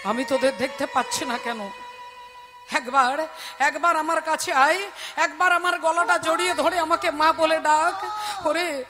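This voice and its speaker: A woman's voice: sits high, steady tone, a little slow, over music. A woman voicing a grieving queen mother who cries out for her dead sons, in a devotional performance. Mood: wailing. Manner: wailing, crying out.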